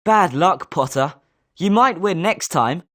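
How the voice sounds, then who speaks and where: Voicing a confident, sporting schoolboy wizard with a competitive streak, a British woman delivers scripted video game lines in a consoling mood. Her voice sits on the low side, a bit bright, animated yet unhurried.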